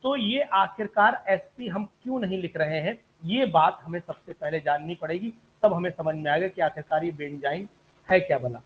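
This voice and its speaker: A man's voice: sits high, normal speed, phone-quality sound. A man teaching an online chemistry class, politely asking students questions and calling them sir.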